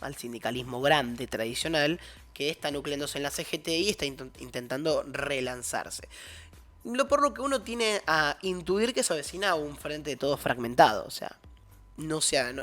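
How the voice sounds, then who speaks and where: A man's voice: a little high, moderate pace, fairly bright tone. A man with an Argentine accent, a guest analyst explaining politics in casual discussion, often restarting and correcting himself.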